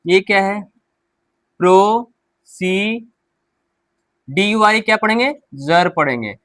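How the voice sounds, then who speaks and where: A man's voice: high voice, lively intonation, moderate pace, bright, forceful tone, dry recording. A male English teacher with a Hindi accent, teaching pronunciation in Hindi, who drills words over and over and answers his own questions. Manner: repetitive drilling, asks questions and answers them himself. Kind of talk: spoken English lesson in Hindi.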